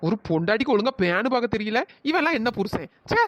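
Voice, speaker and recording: Woman voicing a bossy, sharp-tongued young wife. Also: fairly high pitch, expressive, fast, no echo, soft background music, close to an everyday voice. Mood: bossy mocking. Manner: bossy, mocking, threatening. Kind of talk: cartoon voice acting.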